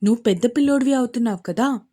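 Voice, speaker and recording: A woman's voice: on the high side, rapid-fire, dark tone, slightly rough. A woman voicing an exasperated young mother scolding her family in a storybook reading. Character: scolding young mother, sharp-tongued but fond.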